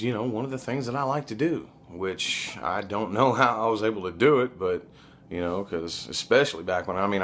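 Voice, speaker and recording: A man's voice: fairly low pitch, fairly bright tone, a little hiss or hum. A man telling personal stories in a casual, rambling, blunt and profane conversational way, like a vlogger. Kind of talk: casual, rambling confessional storytelling.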